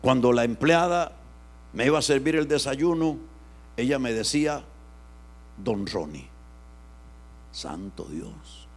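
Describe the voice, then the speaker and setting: A man preaches a sermon, his voice in the middle of the usual range for a man. He swings between loud bursts and soft, hushed asides. A low mains hum runs under the recording. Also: expressive, a little slow. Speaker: pastor.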